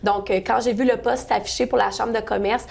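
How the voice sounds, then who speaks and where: Young Québécoise woman with a creaky voice. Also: on the high side, steady tone, a little fast, a little mellow. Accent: Québécois French. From Quebec, Sorel-Tracy region. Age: 20s. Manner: friendly, chatty, many fillers and restarts. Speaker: chamber of commerce events staff, guest. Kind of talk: local radio interview.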